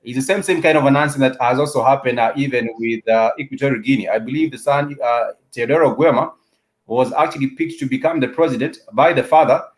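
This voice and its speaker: A man with an African accent speaks in a medium-pitched voice as the host of a political discussion. His commentary is halting, and he repeats phrases to press his point. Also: low-quality recording.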